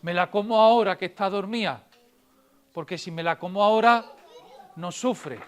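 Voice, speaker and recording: Woman playing a gruff hungry wolf, storybook, loud, insistent, grumbling. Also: mid-range voice, normal speed, lightly acted. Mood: scheming.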